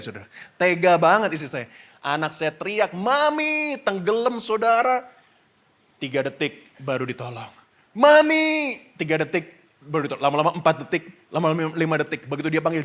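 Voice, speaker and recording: Male pastor, middle-aged, high-pitched, lively sermon with frequent asides to the congregation. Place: church stage before a congregation.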